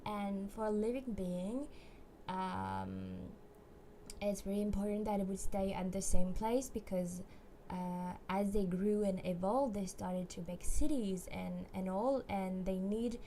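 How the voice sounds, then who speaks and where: A woman chats casually on a livestream, thinking aloud and restarting her sentences. Her voice is mellow and her pace unhurried. A faint hum sits under the recording. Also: medium pitch, animated. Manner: hesitant, many fillers and restarts. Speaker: streamer.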